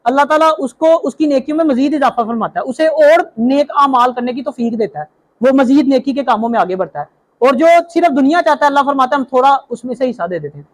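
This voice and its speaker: A man's voice: extremely high pitch, lively intonation. A young man preaching a religious talk, telling stories and asking rhetorical questions. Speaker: Islamic preacher.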